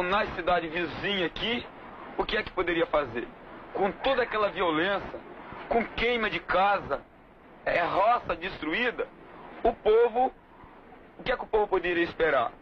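High-pitched man giving measured testimony. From Trindade, Brazil. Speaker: community spokesman. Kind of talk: interview testimony. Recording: muffled 1979 film audio, faint hiss.

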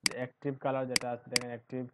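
A man's voice: medium pitch, level tone, racing. Man, online lesson, patient step-by-step, call audio dropping out, noisy background with rain. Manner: patient, step-by-step explaining with checking questions. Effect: online call audio breaking up and cutting out. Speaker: web design instructor. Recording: muffled lo-fi online call with noise. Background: heavy rain outside.

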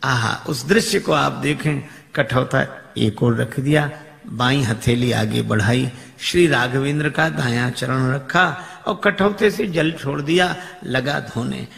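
A man's voice: mid-range voice, takes it slowly, vocal fry, fairly bright tone. A man giving a storytelling sermon, acting out characters' voices with humour. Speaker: preacher. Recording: echoey hall with long reverb.

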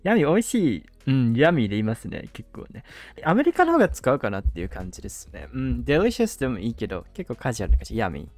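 A man's voice: mid-range voice, wildly swooping pitch, fast talker, few pauses, a little mellow, no echo, faint music behind. A man hosting a casual reaction commentary, explaining English phrases with enthusiastic praise. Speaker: host explaining English in song lyrics.

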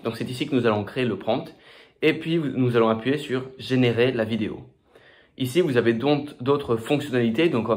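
A man hosting a screen-recorded software tutorial, talking casually with many fillers and restarts. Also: medium pitch. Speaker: tutorial host.

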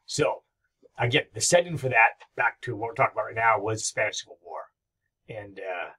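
A middle-aged history professor with a lowish voice gives a recorded lecture from his home office, rambling enthusiastically and leaning on lots of fillers.

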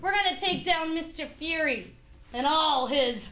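A woman's voice: high-pitched, measured pace. A young woman playing an intense, bossy, competitive schoolteacher in amateur scripted school comedy, with a commanding theatrical manner. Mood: bossy, fired up. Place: school classroom. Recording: noisy classroom camera sound.

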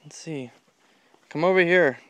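A fairly high-pitched man speaks a little slowly, with no echo, as he records his children outdoors in the family garden. Walking with a handheld camera, he curiously quizzes them on plant names and encourages each answer in casual chat.

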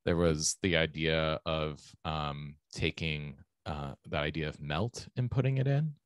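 A low-voiced man walks through design sketches for a talk, loose and easygoing, full of ums and uhs. His voice is recorded dry and close. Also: a little slow, clean tone, dry recording. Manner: relaxed, explanatory, many fillers. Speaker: type designer presenting. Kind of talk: casual conference presentation.

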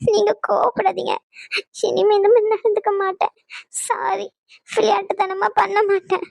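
A woman's voice: very high voice, gravelly, no room sound, exaggerated voice. A woman voicing a young pregnant wife in a cartoon, stubborn at first and then pleading through apologies. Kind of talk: cartoon voice acting.

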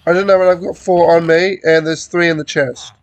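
A man's voice: on the high side, fairly even intonation, a little fast. A young man hosting a multiplayer game session in casual chat, rambling and correcting himself as he goes. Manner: rambling, unsure, self-correcting. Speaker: host of a game channel.

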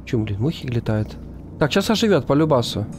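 Excitable young man, jumpy horror gamer. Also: medium pitch, brisk, a little hiss or hum. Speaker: gaming streamer. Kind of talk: casual co-op horror game commentary. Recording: game music behind the voice.

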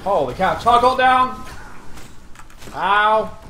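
A young man with a high voice talks like a hyped gamer bro. He gives excitable, casual live commentary as he plays, recorded in an echoey room with faint noise. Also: takes it slowly. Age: young adult. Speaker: game streamer. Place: indoor home streaming setup. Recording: roomy echo, faint background noise.

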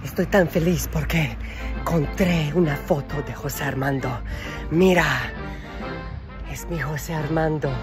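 A man's voice: fairly high pitch, fairly even intonation, unhurried, long pauses, over music, natural voice. A man playing a desperate, melodramatic telenovela mother searching for her son, wailing in broken Spanish outdoors on a noisy street. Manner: overwrought soap-opera wailing, broken Spanish. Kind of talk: telenovela parody. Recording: noisy street with passing vehicles.

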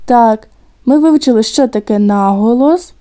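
A woman teaching a recorded lesson to second graders, with slow, clear diction and words drawn out syllable by syllable. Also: on the high side, warm tone. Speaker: primary school teacher.

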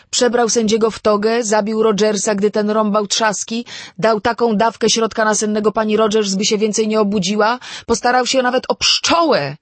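A man voicing a panicked young woman, high and strained. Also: dry recording, close to an everyday voice. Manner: strained, rising to near panic. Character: shaken young woman, frightened and sharp.

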